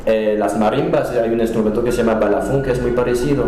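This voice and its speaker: Chatting in French-accented Spanish, a cultural center director from France is the guest in a relaxed interview. He restarts words often and speaks haltingly but in a friendly manner, his mid-range voice steady and dark, amid heavy reverb and slight background noise.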